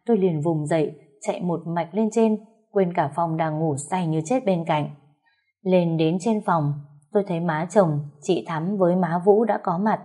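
A woman's voice: lowish voice, mellow, breathy edge. A woman telling a dramatic first-person story.

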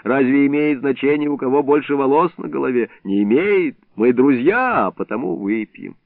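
A man voicing a gruff, hot-tempered old male hunter who scolds and curses, recorded dry with a narrow, phone-like sound. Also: medium pitch, moderate pace, dry recording, close to an everyday voice. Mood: jovial boasting. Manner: scolding, cursing, bantering.

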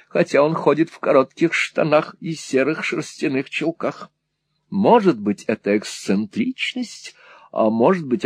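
A man's voice: a little high, darkish tone, slightly rough, no echo, heavily acted. A man reading an audiobook, voicing a rambling, scatterbrained middle-aged mother who drifts from topic to topic. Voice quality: rambling, breathless digressions.

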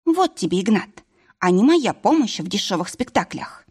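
A woman's voice: mid-range voice, sing-song, normal speed, a little mellow, breathy edge. A woman reading an audiobook voices a stubborn, tipsy young wife with a pouty, defiant manner.

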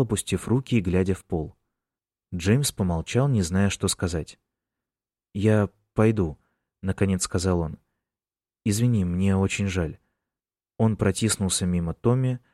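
A male audiobook narrator with a low voice and an even storytelling read. The recording is dry and close, with no room sound. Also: no echo. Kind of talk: scripted narration.

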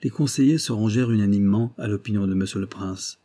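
A man narrating a classic novel in a steady, even reading voice. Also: fairly low pitch, fast talker. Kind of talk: audiobook reading.

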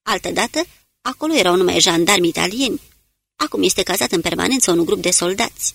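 A woman voicing a calm, commanding male commando guide who gives terse, low-voiced orders in an audiobook reading. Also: vocal fry, breathy edge, no room sound, heavily acted. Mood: steady.

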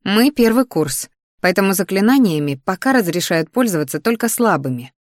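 A woman performs the part of a young female student roommate in a fantasy audiobook, cheerful, bossy, and lively, speaking with eager emphasis. Her mid-range voice is expressive yet near everyday, at normal speed, recorded dry and clean in a studio.

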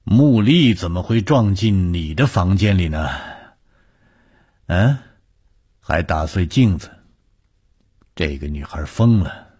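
A man's voice: low voice, expressive, slow pace, pauses often, darkish tone, husky, heavily acted. A man voicing a caring, talkative adult of the household who fusses and scolds, in a storybook reading. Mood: concerned.

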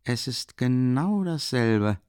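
A man's voice: medium pitch, lively intonation, normal speed, creaky, dry recording, studio quality. A man reading an audiobook, voicing a worldly middle-aged man who talks in a raised, wondering, rambling way.

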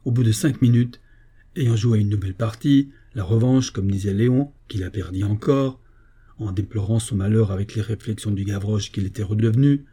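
A man narrating an audiobook in a steady, measured reading voice. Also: on the low side, breathy edge.

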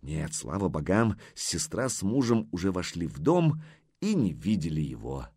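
A man narrating an audiobook in an expressive storytelling manner. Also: low-pitched, moderate pace, slightly rough, no echo, studio quality. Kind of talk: scripted narration.

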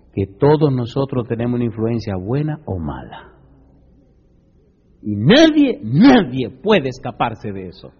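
A man's voice: a little high, slightly rough. A Dominican man with a Dominican Spanish accent, preaching as a pastor and questioning his congregation. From Dominican Republic. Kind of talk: sermon. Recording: echoey hall, dull lo-fi sound.

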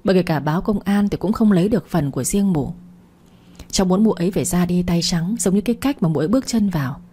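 A woman voicing a calm, scheming young man with a quietly sardonic way of speaking. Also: on the low side, fast talker, husky.

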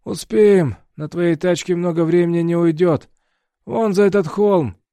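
A man voicing a brisk young man in an audiobook, speaking in clipped phrases with a raised, pitched-up voice. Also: warm tone, no echo. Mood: practical. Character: brisk young man friend, impatient then practical.

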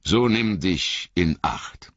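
An earnest ranger, read by a man who speaks slowly and solemnly in a husky, low voice. The sound is dry and somewhat dull. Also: expressive, no echo, exaggerated voice. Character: grave, earnest male ranger.

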